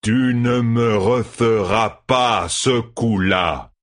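A man doing a gruff armored officer. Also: medium pitch, drawn-out words, voice pushed up.

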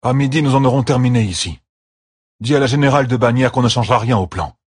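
A man's voice: medium pitch, fast talker, a little mellow, breathy edge, pitched above the performer's own voice, natural voice. A man reading an audiobook and voicing a commanding war leader giving orders.

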